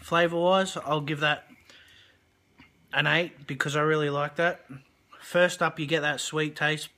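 Bright-voiced young man reviewing hot sauce. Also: on the high side, fairly even intonation, unhurried. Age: 20s. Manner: chatty, upbeat, loose and unscripted. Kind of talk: casual review vlog.

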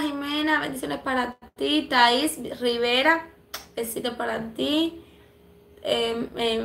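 In a small, echoey indoor room, a young adult host from Cuba and the Dominican Republic reads live chat comments from viewers, chatting affectionately and laughing often despite slight allergy stuffiness. She's filmed on a phone camera at arm's length, and her high voice comes across creaky, bright and forceful.

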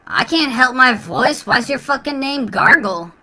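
Guy on a voice changer doing an annoying little kid on xbox chat, bright sharp tone, crude and taunting. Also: very high voice, lively intonation, measured pace, exaggerated voice. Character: obnoxious trash-talking little kid gamer. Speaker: prank gaming video host. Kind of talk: trolling voice chat during an online game.

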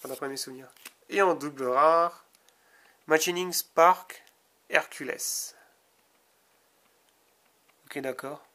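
Slow, bright-voiced young man opening cards. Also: fairly high pitch. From France. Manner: slow, unhurried reading of card names with small asides. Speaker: card-opening video host. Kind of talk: casual unboxing commentary.

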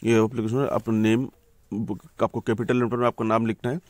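A man's voice: medium pitch, little pitch movement, a little fast, no room sound. A man hosting a channel, giving an informal voice-over that walks viewers through a job notification, often calling them friends and correcting himself. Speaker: YouTube channel host.

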